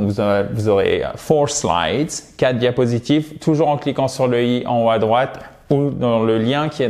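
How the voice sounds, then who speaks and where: A French-speaking man giving a video English lesson, repeating words slowly and checking with "ok?" often. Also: mid-range voice, a little mellow. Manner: repeats words slowly to drill them, frequent "ok?". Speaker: English teacher. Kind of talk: video lesson, explaining and modelling pronunciation.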